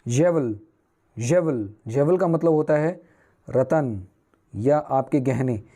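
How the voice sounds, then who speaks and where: A man's voice: mid-range voice, slow, mellow. A man teaching newspaper vocabulary, asking and answering his own questions at a whiteboard.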